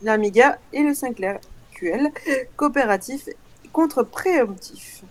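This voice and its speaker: A woman's voice: a little high, lively intonation, slow. A woman presenting a casual radio show as its host.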